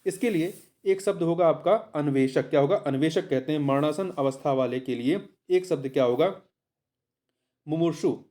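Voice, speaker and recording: An exam tutor solves a practice paper aloud, posing a question, answering it himself and repeating the key word. He has a fairly high-pitched, slightly mellow voice.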